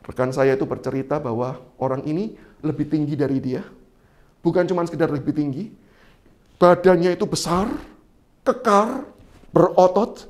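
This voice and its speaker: An animated man preaching to an online church service, telling his story with lively voices for each character. His voice sits a bit high for a man. His delivery is that of a sermon. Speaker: evangelist preaching.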